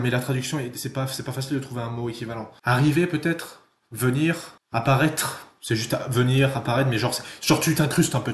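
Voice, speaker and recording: A man vlogging in casual chat who gets excitable, swears freely and thinks aloud as he goes. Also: medium pitch. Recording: roomy echo.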